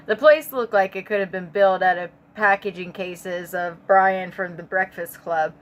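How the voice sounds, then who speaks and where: A woman's voice: mid-range voice, steady tone, normal speed. A woman reading a story aloud, sick and a bit stoned, in a loose, casual delivery. She stumbles and corrects herself, breaks off for chatty asides, and swears without a second thought. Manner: rambling asides, stumbling over words, swearing. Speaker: audiobook reader. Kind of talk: casual amateur audiobook narration.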